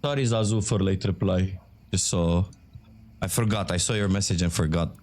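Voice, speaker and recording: A man commentating his own live gaming stream, reacting loudly and swearing often. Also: deep voice, moderate pace, a little hiss or hum.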